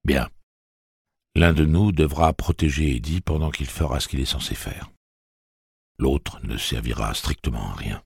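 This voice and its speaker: A man voicing a stern, very deep gunslinger. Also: unhurried, gravelly, pauses often, slightly rough, no echo, clean studio sound, exaggerated voice. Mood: calm. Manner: calm, commanding.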